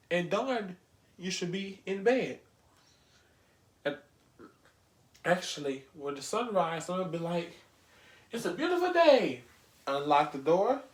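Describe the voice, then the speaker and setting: A man giving slangy, casual reaction commentary and acting out imagined exchanges. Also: sits high. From Louisiana, US. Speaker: reaction video host. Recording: echoey room.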